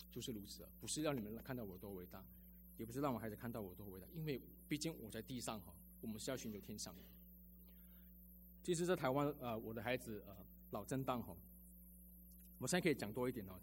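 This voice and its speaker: A man's voice: mid-range voice, a little hiss or hum. A man preaching a sermon as a pastor, telling personal stories in a chatty way with lots of sentence-final particles.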